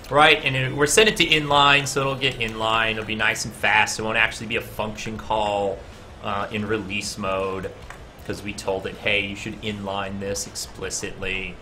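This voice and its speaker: With a fairly low pitch, this man streams himself coding a game, reasoning through problems aloud and saying "uh" often. Between code explanations he chats with his viewers, and a little hiss or hum runs underneath.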